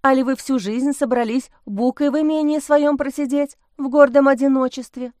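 A woman's voice: sits high, steady tone, darkish tone, no room sound, studio quality, voice pushed up, lightly acted. Woman doing a chatty, folksy priest's wife. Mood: coaxing. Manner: brisk, persuasive, folksy. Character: shrewd, chatty priest's wife, motherly and gossipy.

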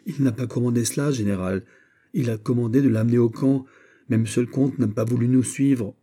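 A man's voice: mid-range voice, fairly even intonation, fairly quick, warm tone, natural voice. A man reading an audiobook, voicing a sheepish soldier who speaks pitifully and apologetically. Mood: apologetic. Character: sheepish male soldier under reproach. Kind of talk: audiobook character voice.

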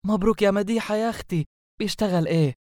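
A man doing shrill gossiping Egyptian women. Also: darkish tone, no room sound, studio quality, natural voice. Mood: gossipy. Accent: Egyptian Arabic. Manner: shrill gossipy falsetto, quick banter.

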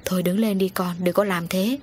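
A woman voicing a kindly old male foster father who speaks gently. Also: fairly low pitch, fairly even intonation, brisk, a little hiss or hum, lightly acted. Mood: gentle.

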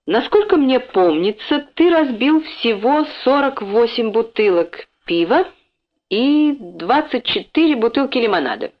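A woman voicing a smug older male factory owner who talks with false kindness and mockery, in a dull lo-fi recording. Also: medium pitch. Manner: falsely kind, mocking.

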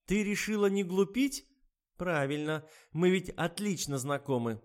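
A man reading an audiobook and voicing a greedy, bullying old woman who shouts her accusations in a high, drawn-out voice. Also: animated. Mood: shrill accusing.

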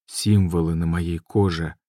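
A tormented male mage, as a deep-voiced reader plays him, urgent and tense in an audiobook. His voice is low and dark, and it is recorded close and dry. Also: fairly even intonation, measured pace, dry recording. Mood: grim.

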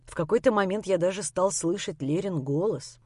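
A woman's voice: lowish voice, normal speed, husky, no echo, clean studio sound. Woman narrating an audiobook. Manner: steady, intimate first-person storytelling.

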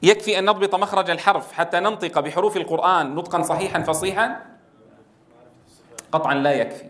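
High-voiced Syrian man teaching recitation. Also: quick pace. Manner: animated, demonstrates pronunciations and recitation, asks the audience. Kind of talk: classroom lecture.

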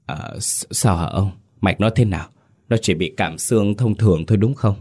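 A man's voice: low-pitched, normal speed, a little mellow. A man voicing a doting older village wife, anxious and pleading, in a told ghost story.

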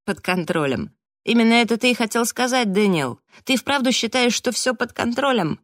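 A man's voice: high-pitched, expressive, normal speed, gravelly, fairly bright tone, dry recording, clean studio sound, pitched above the performer's own voice, exaggerated voice. An audiobook reader voicing a nervous young man who taunts the others sarcastically. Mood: taunting.

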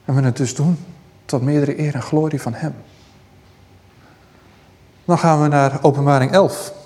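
Man, preacher, sermon, slightly high voice, reads scripture with emphasis, long reverb. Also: fairly even intonation, unhurried, darkish tone. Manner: teaching Bible study, reads scripture aloud with rising emphasis.

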